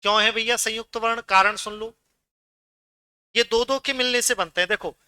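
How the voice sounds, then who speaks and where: A man's voice: extremely high pitch, steady tone, normal speed, bright, forceful tone, clean tone, dry recording. A man teaching pronunciation in class, drilling sounds aloud and asking students to repeat. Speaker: Hindi teacher.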